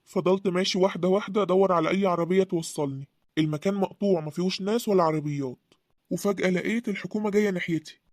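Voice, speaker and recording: A voice actor playing a gentle young husband who speaks Egyptian Arabic in a calm, earnest storytelling voice. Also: medium pitch, very fast, no room sound, clean studio sound, close to an everyday voice. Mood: recounting.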